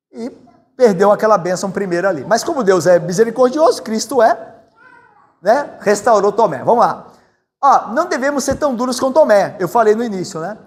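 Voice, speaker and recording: A Brazilian man, a pastor, preaches a sermon in a church sanctuary in a conversational style, frequently ending his points with quick tag questions to the congregation. His pitch swings in animated ways, and the church hall recording carries a long reverb.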